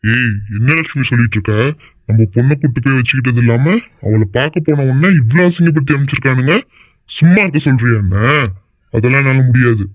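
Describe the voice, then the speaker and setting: A performer voicing a worried, protective middle-aged father in an animated cartoon, asking alarmed questions and growing indignant. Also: mid-range voice, fast talker, no room sound, dull audio, natural voice.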